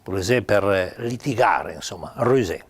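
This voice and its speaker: An older man with a Piedmontese accent giving an informal spoken lesson on spelling, halting with many pauses and fillers. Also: fairly low pitch, vocal fry, breathy edge. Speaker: writer teaching Piedmontese spelling.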